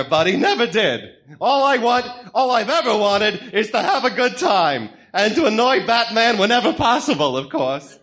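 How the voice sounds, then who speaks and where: A gleefully sadistic clown supervillain for a comic-book radio drama. The voice is high, bright and wildly swooping, full of theatrical taunts and cackling menace. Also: male voice, heavily acted. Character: manic, gleefully sadistic male clown supervillain, mocking gangster.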